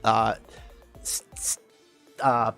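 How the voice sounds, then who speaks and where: A man co-hosting a board game stream, chatting casually with friends and telling stories in halting restarts. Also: fairly low pitch, flat delivery, vocal fry, pushed and bright, faint music behind. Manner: rambling storyteller, halting restarts. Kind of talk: casual chat among friends.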